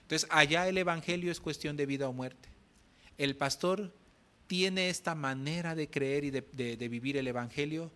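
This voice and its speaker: A middle-aged pastor with a Mexican Spanish accent preaches earnestly in a fairly high voice. He exhorts his congregation and often tags his sentences with questions. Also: normal speed, fairly bright tone. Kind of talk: sermon. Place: church service.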